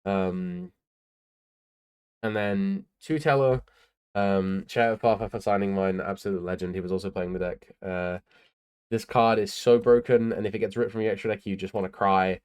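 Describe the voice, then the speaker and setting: Man, young adult, tired, laid-back rambling delivery, fairly low pitch, smooth resonant tone. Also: fairly even intonation, normal speed, darkish tone. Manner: laid-back, rambling, frequent ums and uhs. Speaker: card game player presenting his tournament deck. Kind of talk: casual deck profile talk.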